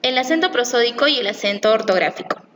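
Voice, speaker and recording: A woman's voice: on the high side, animated, a bit bright. Woman narrating a lesson in a reverberant room. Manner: slow, careful, stressing syllables. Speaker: teacher. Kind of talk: scripted explainer narration. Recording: long reverb, faint room noise.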